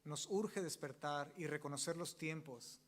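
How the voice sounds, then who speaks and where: A man's voice: a little high, a little slow, reverberant. A man preaching a sermon as pastor, emphatic and explaining Hebrew words to his congregation. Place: church sanctuary.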